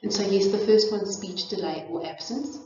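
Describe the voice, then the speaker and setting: With a warm, mid-range voice at a moderate pace, a middle-aged South African woman gives an informal educational talk about parenting and child development. She speaks thoughtfully, often using fillers and restarting sentences. The room recording is echoey, distant and dull, with slight background noise.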